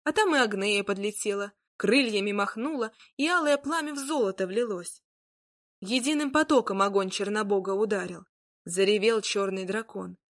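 A woman's voice: medium pitch, moderate pace. A woman reading a fairy tale aloud and voicing its characters. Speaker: storyteller.

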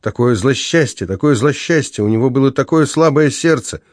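A man's voice: medium pitch, expressive, fairly quick, dry recording, pitched above the performer's own voice, lightly acted. A man voicing a grieving widow who speaks in a broken, tearful voice, in a dry audiobook reading. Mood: pleading. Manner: sobbing, broken voice.

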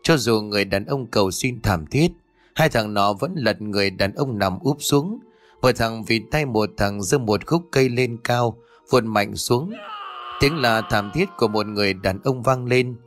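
A man narrating a ghost story in a steady storytelling manner. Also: fairly low pitch, moderate pace. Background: faint music.

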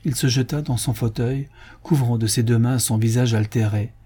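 A man narrating a classic novel as an audiobook reader, measured and even. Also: mid-range voice, breathy edge. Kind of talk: scripted narration.

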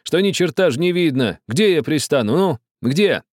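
A man's voice: on the high side, animated, moderate pace, dry recording, studio quality, pitched above the performer's own voice. A man voicing a curt, exasperated steamboat captain in a read story. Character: gruff, harried male steamboat captain.

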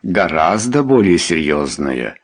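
A man reading an audiobook, voicing a pompous, guilt-ridden gentleman who confesses in a low, lively voice. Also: slow pace, full character voice. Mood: confessing. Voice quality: pompous, then mumbling.

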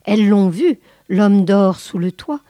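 A woman's voice: mid-range voice, lively intonation, a little slow, mellow, dry recording, clean studio sound, lightly acted. A woman voicing a swarm of small ants who plead insistently, in a storybook reading. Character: small anxious ants, a swarm of little sisters.

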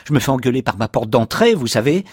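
A man voicing an excitable, sarcastic patient confessing he destroyed his talking house. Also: mid-range voice, quick pace, husky, dry recording, studio quality, voice pushed up. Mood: excited. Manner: excitable, sarcastic, swings to shouting.

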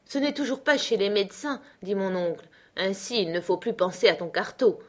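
Une femme lisant Benjamin, oncle ironique et emporté. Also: female voice, medium pitch, animated, fairly quick, natural voice. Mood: ironic. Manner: exclaiming, ironic. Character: excitable, principled middle-aged uncle, a man.

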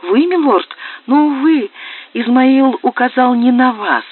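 A woman's voice: high-pitched, expressive, measured pace, husky, voice pushed up, full character voice. A woman voicing a frightened lovesick young woman. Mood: pleading. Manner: pleading, exclaiming. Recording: tinny, narrow-band, dry.

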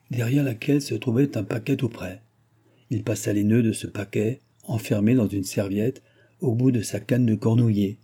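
A man reading a classic novel aloud as an audiobook narrator, measured and even. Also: mid-range voice, slightly rough.

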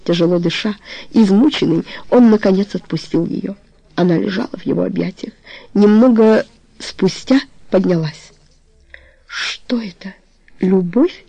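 A narrator reads a romance novel aloud in a steady, measured way. The voice is gravelly and dark, and the recording is close and completely dry. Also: medium pitch, no room sound, low-quality recording. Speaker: audiobook narrator. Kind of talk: audiobook reading of a romance novel.

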